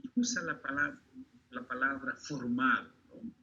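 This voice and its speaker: A man from Peru, a priest, reading scripture aloud and giving a spiritual talk in a slow, emphatic way. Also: medium pitch, pushed and bright. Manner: slow, emphatic, keeps urging listeners to look. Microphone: video call. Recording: dull lo-fi video call audio.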